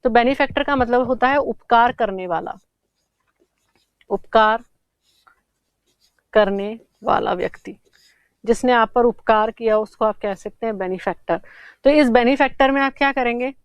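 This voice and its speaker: A woman's voice: fairly high pitch, moderate pace, pauses often, smooth, no echo. A woman teaching an English grammar lesson for exam prep, explaining step by step and answering her own questions.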